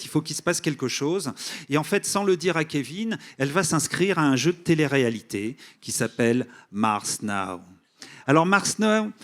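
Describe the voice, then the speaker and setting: A man with a medium-pitched voice moderates a literary talk. He presents and asks in long, hesitant sentences, often pausing to find the next phrase. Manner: hesitant, drawn-out phrasing with many pauses. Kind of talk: book presentation and interview questions.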